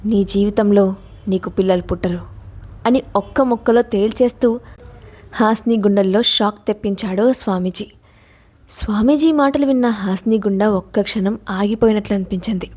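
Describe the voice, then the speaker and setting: A woman reads a suspense story aloud in a steady, expressive scripted narration. Her voice sits at an ordinary middle pitch.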